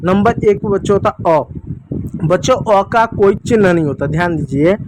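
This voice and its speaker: A man with a fairly high voice teaches children the alphabet, drawing out each vowel sound and repeating it so they can say it with him. His tone is patient and instructive. A faint hiss of noise sits under the recording. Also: animated, normal speed. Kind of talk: Hindi alphabet lesson for children.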